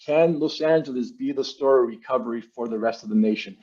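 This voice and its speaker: In a virtual meeting, a marketing agency owner runs an informal, salesy slide presentation full of casual business jargon. He talks fast in a medium-pitched, mellow voice, and the online meeting audio sounds dull and lo-fi.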